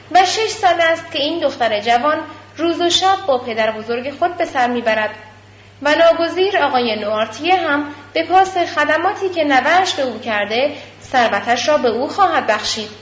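A woman's voice: sits high, echoey room, slight background noise. A woman reading as a scheming noblewoman. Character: scheming aristocratic woman, smoothly persuasive. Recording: slightly muffled lo-fi recording.

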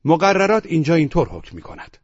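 A man's voice: fairly high pitch, sing-song, husky, no echo, voice pushed up. A man doing a formal, courteous croupier. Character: polite male casino croupier. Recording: dull, muffled studio recording.

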